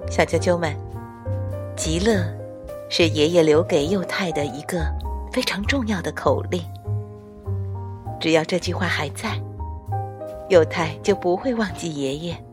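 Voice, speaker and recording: A woman reading a children's picture book aloud in a soft, unhurried, gentle way. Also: fairly low pitch. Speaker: storyteller. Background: soft music.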